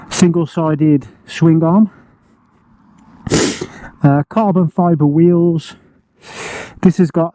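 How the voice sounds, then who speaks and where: A man reviewing a motorbike outdoors in a casual, enthusiastic way, pausing often with fillers. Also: a little high, dark tone, no echo. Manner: enthusiastic, hesitant with many fillers. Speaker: motorcycle vlogger. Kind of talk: casual first-ride review.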